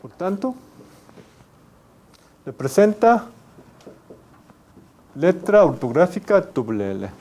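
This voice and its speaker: A man's voice: sits high, very animated, takes it slowly, pauses often, mellow. A man lecturing a university class, demonstrating pronunciations and repeating words for students. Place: lecture room.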